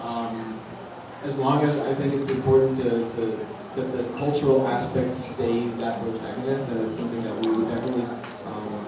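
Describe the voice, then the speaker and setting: A man who makes documentaries answers press questions, often stopping to hunt for the right word and starting over. His voice carries from a distance through a very echoey room. A steady background noise runs under him. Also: medium pitch. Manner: hesitant, searching for words, many fillers and restarts. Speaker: documentary filmmaker.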